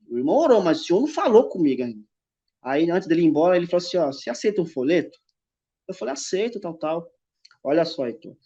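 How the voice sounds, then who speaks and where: A podcast guest with a slightly high, darkish voice recounts his faith testimony in an easygoing chat. He's an emphatic storyteller who performs the conversations as he goes, on dull, lo-fi audio.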